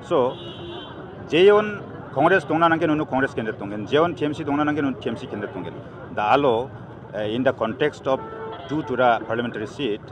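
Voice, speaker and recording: Speaking at medium pitch, a middle-aged man with a Northeast Indian accent plays the part of a political candidate in a heated, emphatic press interview that mixes in English. The setting is an evening gathering outdoors. Handheld news microphones are held close to him, and crowd noise from the busy gathering fills the background.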